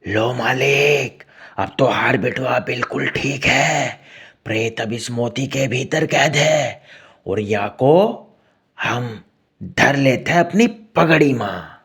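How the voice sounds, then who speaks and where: An earnest, fearful village servant in a storybook tale, as the narrator puts him on. He drawls very slowly in rural dialect. The voice is gravelly and husky, with a lot of breath in it. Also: mid-range voice, lively intonation, fairly bright tone, heavily acted. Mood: hushed, confiding.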